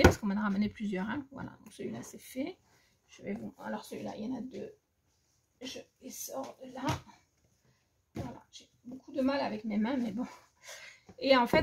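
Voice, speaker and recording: A woman talks through her craft haul in a casual, halting way, stumbling and restarting often. Her voice sits a bit high, with a gravelly, husky edge. It sounds like a phone recording at home. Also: a little mellow. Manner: hesitant, many fillers and restarts. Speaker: crafting vlogger.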